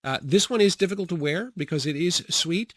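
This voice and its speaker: A young man chatting casually about his fragrances, relaxed, with many fillers and frequent laughs. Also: high-pitched, brisk, no echo, studio quality. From grew up partly in the Bahamas and Jamaica. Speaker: fragrance reviewer. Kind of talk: casual product review.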